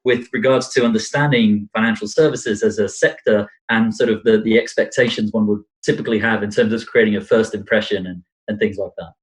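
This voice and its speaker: A man's voice: fairly low pitch, fairly even intonation, fairly quick, few pauses, low-quality recording. Brazilian-born man, self-deprecating and rambling. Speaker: podcast guest, financial planner. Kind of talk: conversational interview.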